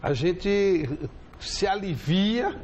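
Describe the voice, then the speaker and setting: A man's voice: sits high, lively intonation, extremely slow, darkish tone, a little hiss or hum. A man hosting a sports talk panel, asking loose, hesitant questions with restarts. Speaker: TV show host. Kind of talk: casual studio interview.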